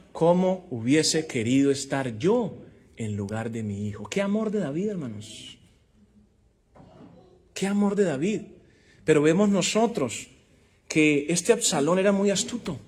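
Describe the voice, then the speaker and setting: An emphatic man teaching a Bible class as a sermon, throwing rhetorical questions at his congregation and calling for amens. His voice sits a little high and sounds husky. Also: a little mellow. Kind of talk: sermon-style Bible lesson.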